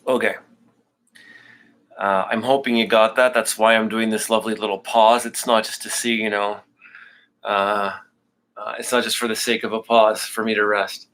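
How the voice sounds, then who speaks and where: A man's voice: on the low side, level tone, moderate pace, long pauses, fairly bright tone. A man teaching a live yoga class, talking students through breathing cues in a casual, joking way and a bit out of breath. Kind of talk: live online class instruction.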